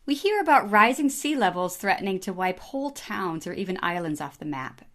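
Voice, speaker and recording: A woman from the American Great Lakes region co-hosting a podcast, delivering a clear friendly scripted introduction. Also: medium pitch, sing-song, a little fast, a bit bright. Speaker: podcast co-host.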